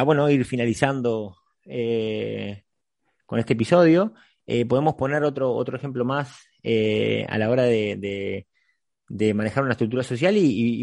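A man hosting a conversational podcast, speaking haltingly and repeating words as he thinks. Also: mid-range voice, vocal fry, a little mellow, no room sound, studio quality. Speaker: podcast host.

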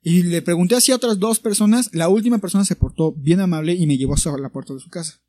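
Talking fast in a voice that sits high, this young podcast co-host with a Mexican Spanish accent recounts a story in casual chat. He animates it by acting out the people he quotes, on a dry recording.

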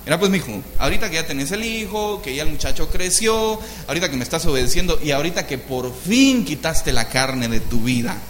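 A man's voice: on the high side, lively intonation, a little fast, hardly any pauses, a bit bright, echoey room, a little hiss or hum. A man preaching and voicing God as a patient father who speaks familiarly to his son. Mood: fatherly. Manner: familiar and fatherly, calls Abraham "mijo".

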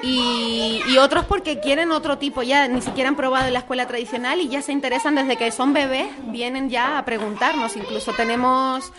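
A woman's voice: high voice, steady tone, brisk, few pauses. A woman from a school answering interview questions, explaining earnestly with hesitations. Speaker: school staff member. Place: school classroom with children.

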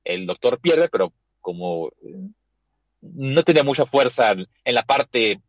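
A man's voice: medium pitch, sing-song, a little slow, no echo, lo-fi sound. A man hosting a casual chat, animatedly retelling an anime episode and acting out the characters' lines. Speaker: podcast host.

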